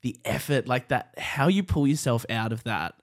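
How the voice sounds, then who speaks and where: A man's voice: medium pitch, moderate pace. Swearing Australian man chatting. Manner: blunt, heavy swearing, rowdy. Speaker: podcast host. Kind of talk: casual chat.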